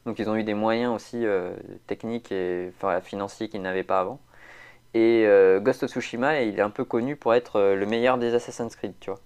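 Rambling Frenchman with a smooth low voice. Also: fairly even intonation, a little fast, darkish tone. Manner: rambling, many fillers and restarts. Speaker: podcast co-host. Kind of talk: casual chat.

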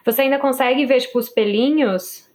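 A woman podcast host, chatting casually and telling stories with quick, animated asides. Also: sits high.

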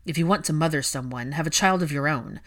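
A woman's voice: low voice, moderate pace, fairly bright tone. Woman doing cold, curt Draco. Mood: cold anger. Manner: dry, terse, controlled. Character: cold, curt young man, clipped and angry. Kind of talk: audiobook fiction reading.

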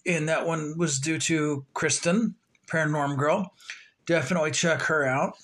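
A man's voice: a little high, steady tone, moderate pace, fairly bright tone. A man hosting his own podcast, chatting in a loose, rambling way with plenty of fillers. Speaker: podcast host. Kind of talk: casual solo podcast talk.

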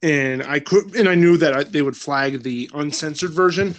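A man's voice: a little high, moderate pace. A man guesting on a podcast, chatting casually in a laid-back, rambling way, laughing often and swearing freely. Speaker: podcast guest, film director.

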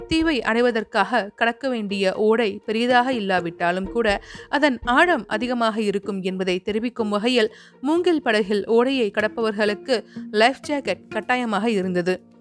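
A woman narrating a detective story in a steady, descriptive reading. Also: on the high side.

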